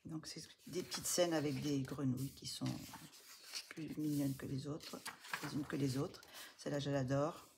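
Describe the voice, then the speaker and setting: Her voice sits low and gravelly with fairly even intonation at a normal speed, as this woman flips through coloring books and gushes over the pages. She's a soft-spoken vlogger in casual show-and-tell mode, using many fillers and often sinking to a near whisper, with background noise present.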